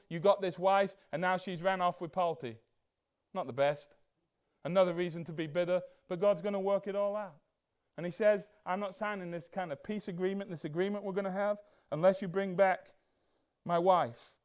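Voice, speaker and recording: A man preaching a casual Bible-study sermon as a church pastor, chatty and excitable, full of rhetorical questions and asides. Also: sits high, clear, resonant tone.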